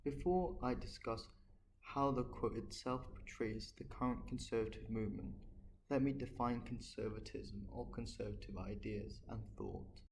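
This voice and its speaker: A man giving an earnest, measured political monologue, talking on his own without a script. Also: mid-range voice, darkish tone, slight background noise, poor audio. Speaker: political commentator. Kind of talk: unscripted solo monologue.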